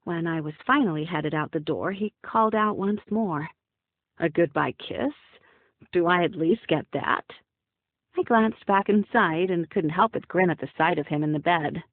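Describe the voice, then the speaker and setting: Young woman narrator, low voice, wry, playful, dry narrow phone-like sound. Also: dry recording. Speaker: audiobook narrator. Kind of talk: first-person audiobook narration.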